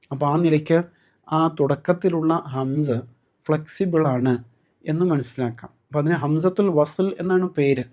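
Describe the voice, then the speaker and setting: Male Quran teacher, fairly high voice, dull lo-fi sound; explains patiently, asks the class questions, recites verses slowly. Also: warm tone. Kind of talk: recorded Arabic and Quran class.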